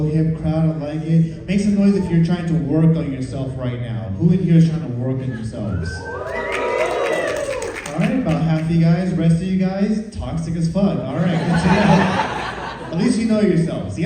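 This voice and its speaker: A man doing conversational stand-up comedy, telling self-deprecating stories in a casual way to a live audience. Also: a little high. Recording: echoey room, distant, faint noise.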